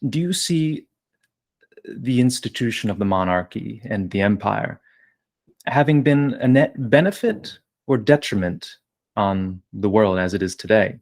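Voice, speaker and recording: Low-voiced man, wordy podcast host. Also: animated, a little slow, darkish tone. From New Jersey. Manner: discursive, wordy, many fillers. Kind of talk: podcast interview.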